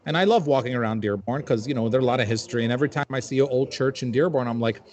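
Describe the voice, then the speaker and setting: Comic, 40s, man from Jordan; dry, wry deadpan storyteller, mid-pitched voice. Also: rapid-fire. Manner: dry, wry storytelling with filler-laden asides. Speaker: comedian and panel guest. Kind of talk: casual comedic chat.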